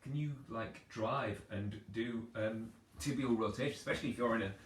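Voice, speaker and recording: Speaking at a moderate pace with a medium-pitched voice, a male personal trainer gives loose, chatty advice in a casual live Q&A. He's sitting on his sofa at home and tends to ramble and make fun of himself. The recording is echoey and distant from the mic, with faint background noise.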